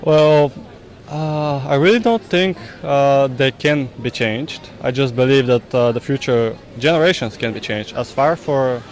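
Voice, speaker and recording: A man answering street interview questions in a measured, matter-of-fact way. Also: mid-range voice. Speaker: passer-by interviewee.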